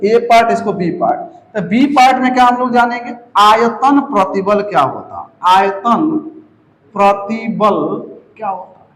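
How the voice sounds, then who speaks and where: High-voiced male physics teacher, echoey room. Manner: repeats key terms and quizzes students with questions; calls students "babu". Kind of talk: classroom lecture.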